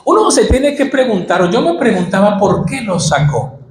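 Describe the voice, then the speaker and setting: A man's voice: sits high, very animated, normal speed, roomy sound, rough recording. A male pastor with a Colombian Spanish accent preaching a sermon, acting out Bible scenes as he goes.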